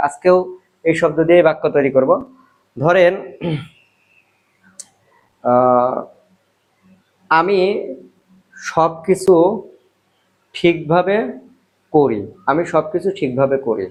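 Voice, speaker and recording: A man teaching a spoken language lesson, repeating each word slowly and spelling out sounds. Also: fairly high pitch, low-quality recording. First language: Bengali.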